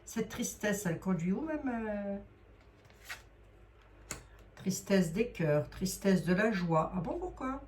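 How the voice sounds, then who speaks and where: A woman's voice: medium pitch, very animated, takes it slowly, long pauses, a little mellow, slight background noise. Rambling woman with a Lorraine accent. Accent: Lorraine French. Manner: rambling, hesitant, full of fillers like hein. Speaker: psychic card reader. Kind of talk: live card reading.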